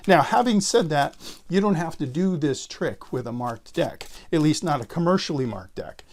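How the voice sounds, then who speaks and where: A man's voice: fairly high pitch, lively intonation, moderate pace. A man speaking as a magician in casual card-trick patter and tutorial explanation, conversationally addressing viewers and imagined spectators directly.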